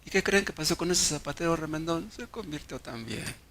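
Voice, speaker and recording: A man's voice: a little high, lively intonation, normal speed, bright, forceful tone, slight background noise. A Mexican pastor preaching a sermon, telling stories and asking the congregation rhetorical questions, often repeating words as he restarts.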